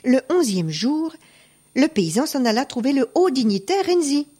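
A woman reading a folk tale aloud as narrator, expressive and animated. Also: sits high, normal speed, husky. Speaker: storyteller.

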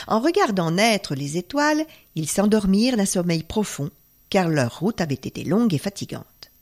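A woman storyteller reading a folk tale aloud, expressive and dropping to a hush at tense moments. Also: medium pitch.

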